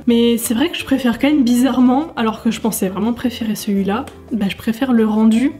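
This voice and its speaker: Beauty vlogger, woman; slightly high, chatty and casual, faint music underneath. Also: mellow. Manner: chatty, many fillers, addresses viewers directly. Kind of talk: casual makeup tutorial chat.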